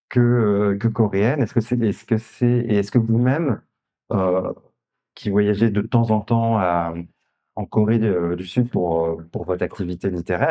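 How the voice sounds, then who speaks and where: An author speaking at a literary festival talk in a conference room explains his novel and poses questions, his fairly low, mellow voice full of hesitations, fillers and restarts.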